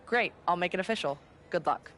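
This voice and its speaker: An actor playing a businesslike wrestling manager who books matches in a game. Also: male voice, high-pitched, brisk, fairly bright tone. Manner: businesslike, direct. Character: brisk male wrestling manager booking matches.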